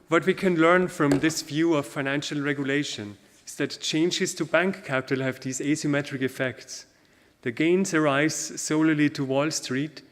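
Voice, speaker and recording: A man giving an academic conference talk, explaining a graph point by point in a steady way. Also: fairly high pitch. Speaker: conference speaker. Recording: long reverb in a lecture hall.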